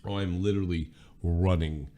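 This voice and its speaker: A man's voice: sits low, steady tone, moderate pace, mellow. A man with a North American accent hosting a football stream, chatting casually and commentating loosely in colloquial, mildly sweary language. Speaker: host of a football watch-along stream.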